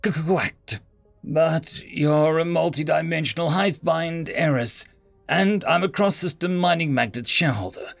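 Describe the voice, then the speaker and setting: A man's voice: a little high, moderate pace, gravelly, faint music behind, pitched above the performer's own voice. A man voicing a stammering young human shareholder who pleads, then talks like a scheming businessman. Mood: businesslike.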